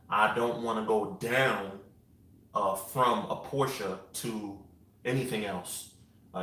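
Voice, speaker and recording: A man, hosting a vlog and answering viewer questions in a relaxed, rambling way with lots of fillers. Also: fairly low pitch, far from the mic. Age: 30s. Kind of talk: casual live-chat answers. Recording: roomy echo, voice away from the mic.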